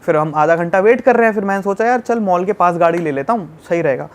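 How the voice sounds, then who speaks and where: Animated high-voiced man telling a story. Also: fast. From Delhi. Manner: animated, acts out shouting in the retelling. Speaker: travel youtuber guest. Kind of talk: casual storytelling chat.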